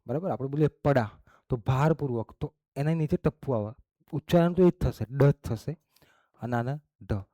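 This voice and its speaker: A man's voice: mid-range voice, warm tone, dry recording. A man teaching a class, explaining step by step and checking in with "okay?" after each point. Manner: slow, explains step by step with frequent "okay?" and "barabar?". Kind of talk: classroom lesson.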